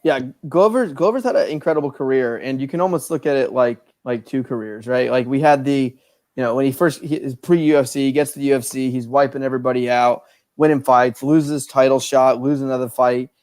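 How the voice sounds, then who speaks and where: A man co-hosting a podcast, giving a lively, swearing breakdown of an upcoming fight and acting out announcer calls. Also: medium pitch, fairly quick, no echo. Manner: animated, acts out announcer calls, swears freely. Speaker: podcast co-host. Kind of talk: casual fight-analysis chat.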